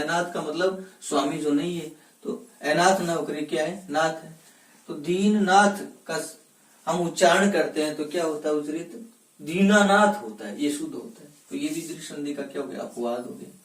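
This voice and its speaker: A male teacher giving a classroom grammar lesson, asking questions and answering them himself, breaking words slowly into their parts. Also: fairly high pitch, far from the mic. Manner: slow and deliberate, stresses each part of a word. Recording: echoey room, voice from off mic.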